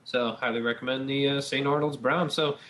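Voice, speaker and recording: A man's voice: mid-range voice, fairly even intonation, fairly quick, a bit bright. A man co-hosting a casual beer-tasting chat, rambling and easygoing with lots of filler. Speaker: podcast co-host.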